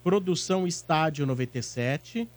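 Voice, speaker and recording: Sao guy hosting a sports radio show, highish voice, loose chatty talk. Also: lively intonation, normal speed. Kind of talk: casual live radio talk.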